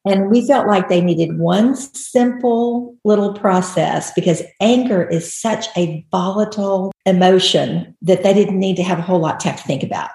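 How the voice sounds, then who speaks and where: Gravelly-voiced older woman, low and mellow. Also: normal speed, few pauses, echoey room. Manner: earnest, gentle, teacherly. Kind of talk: explanatory talk.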